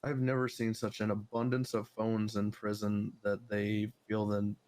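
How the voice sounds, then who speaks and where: A man with a low voice talks in a casual role-play chat. His delivery is dry and stays flat, with little rise or fall. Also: moderate pace. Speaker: fellow role-player.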